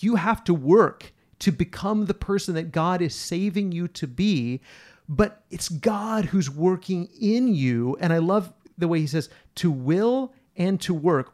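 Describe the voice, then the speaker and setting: A man with a fairly high voice talks through Bible passages with a podcast partner. He is earnest and emphatic and leans on repetition to press his point home. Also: expressive, unhurried, darkish tone. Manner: earnest, emphatic, repeats words for stress. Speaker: podcast co-host teaching on scripture. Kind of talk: conversational Bible teaching.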